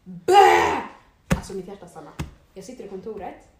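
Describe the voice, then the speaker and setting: A young woman co-hosting a casual chat, telling stories in an animated, slangy way and swearing often. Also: medium pitch. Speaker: podcast co-host. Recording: echoey room with faint noise.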